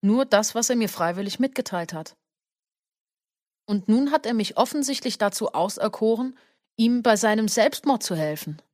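A woman giving a measured first-person audiobook narration. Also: a little high, lively intonation, a little mellow, dry recording, clean studio sound.

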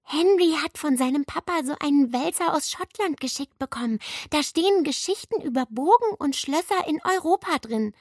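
A high, lively schoolgirl who loves knowing more than her friends, put on by a woman reading a storybook. Her voice leaps up and down with excitement. The recording is close and dry. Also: normal speed, few pauses, no room sound. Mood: conspiratorial. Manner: excited, slightly smug. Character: lively know-it-all schoolgirl.

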